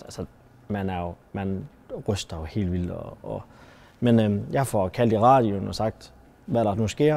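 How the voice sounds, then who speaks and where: A man from Denmark, likely in his thirties, recounting his time as a soldier in combat, halting and often restarting his sentences. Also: fairly low pitch, vocal fry, mellow. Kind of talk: personal storytelling.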